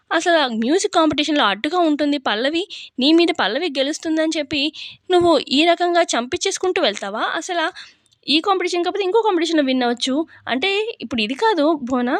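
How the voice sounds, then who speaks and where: A woman's voice: high voice, fast talker, no echo, natural voice. Woman voicing an indignant young hero. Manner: indignant, reproachful questioning. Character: angry young male hero scolding a rival.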